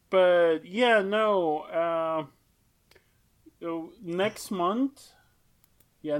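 A young adult woman co-hosts a podcast in easy, unscripted chat. She rambles, backs up and restarts her sentences, and fills the pauses with ums and uhs. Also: on the low side. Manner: rambling, filler-heavy, self-interrupting. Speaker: podcast co-host. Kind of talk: casual chat.

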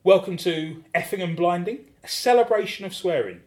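A man's voice: high voice, moderate pace, darkish tone. A British man co-hosting a podcast, chatting casually and explaining things with discursive enthusiasm. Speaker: podcast co-host. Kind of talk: casual chat.

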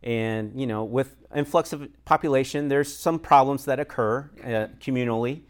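A man's voice: medium pitch, moderate pace. A man who works as a chaplain and pastor, leading a church discussion in a conversational way, with frequent fillers and light laughs. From United States.

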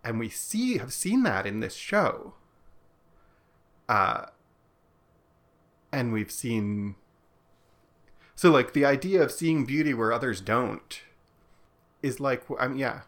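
A man co-hosting a relaxed chat show in a mid-range voice. He muses aloud about ideas, then turns lively and playful when retelling favorite moments. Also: mid-range voice, slow pace, pauses often. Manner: reflective, animated when retelling scenes. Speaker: podcast co-host. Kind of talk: casual chat.

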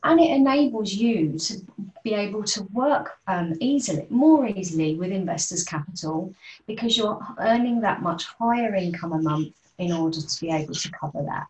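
A woman's voice: mid-range voice, lively intonation, moderate pace, a little mellow. A woman explaining property investment in a casual presentation, with frequent fillers and restarts. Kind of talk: informal presentation on a video call. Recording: echoey room, distant from mic.

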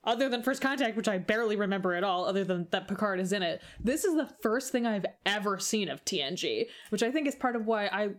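A woman's voice: mid-range voice, animated, quick pace, few pauses. A woman co-hosting a casual chat, conversational, often acting out her own reactions as quotes. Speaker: podcast co-host.

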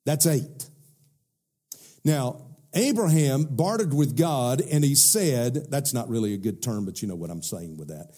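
Preacher, male, middle-aged, Southern US accent. Mellow, husky tone, conversational but emphatic sermon. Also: mid-range voice, lively intonation. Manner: emphatic, conversational, rhetorical questions, deliberate repetition.

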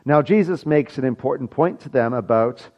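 Man preaching, dull lo-fi sound. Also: mid-range voice. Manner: conversational preaching with asides and filler pauses. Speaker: pastor. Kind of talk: sermon.

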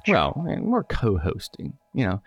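Low-voiced rambling male podcast host. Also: huge pitch swings, a little slow, breathy edge, no room sound, lo-fi sound, soft background music. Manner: rambling, self-correcting. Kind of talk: casual chat.

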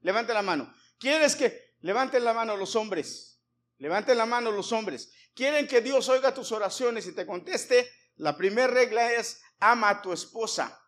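A middle-aged pastor preaches with a fairly high voice. He is emphatic, repeats key words and keeps asking the congregation questions. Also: animated, normal speed, a bit bright. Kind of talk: sermon. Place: church before a congregation.

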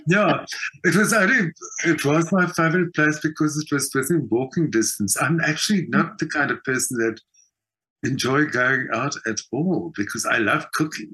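A middle-aged South African man, a skills trainer, chats casually as an interview guest, telling stories and often checking that the listener follows. His voice is a little high, pushed and bright with a breathy edge, and the recording quality is low.

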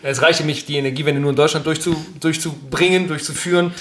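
A man co-hosts a podcast with a quick, upbeat manner and a fairly high voice. His voice rings in an echoey room. The delivery stays casual throughout. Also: steady tone, fairly bright tone, a little hiss or hum. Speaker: podcast co-host. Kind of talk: podcast interview.

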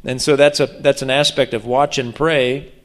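A man preaching about prayer, telling a story with animated acted-out voices. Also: mid-range voice, normal speed. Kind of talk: sermon on prayer.

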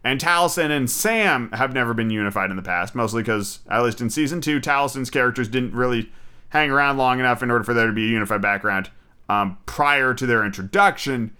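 A man talks through a casual solo podcast episode as an eager fan, with a bright, forward tone. His voice is smooth and crisp, but his speech wanders, full of restarts, and he swears casually. His pitch sits in an ordinary middle range. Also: brisk. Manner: rambling, frequent fillers and restarts, swears casually; enthusiastic fan. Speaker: podcast host.

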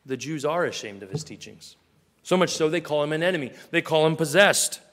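A male pastor preaching a sermon earnestly, acting out small scenes in a quieter voice. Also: a little high, lively intonation, brisk, big-room sound.

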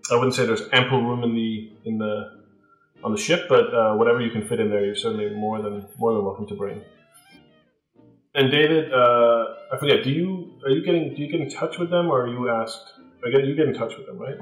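A man narrating a tabletop game as game master, with a halting delivery full of fillers. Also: mid-range voice, echoey room, soft background music, rough recording.

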